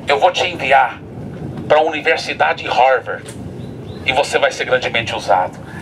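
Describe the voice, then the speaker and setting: God, as a preacher puts him on, low and solemn. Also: male voice, normal speed, fairly bright tone, distant mic, a little hiss or hum, close to an everyday voice. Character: God, calm commanding male voice.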